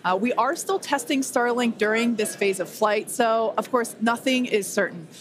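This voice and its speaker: A woman co-hosting a live launch webcast, explaining things in a measured way. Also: fairly high pitch, faint music behind. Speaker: webcast host.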